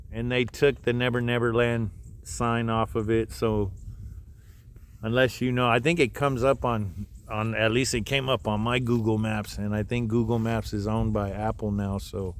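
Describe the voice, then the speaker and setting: Rambling man live-streaming outdoors, low voice. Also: smooth. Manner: rambling and loose, with many restarts and asides. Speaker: livestream host. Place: outdoors near wind turbines, breezy.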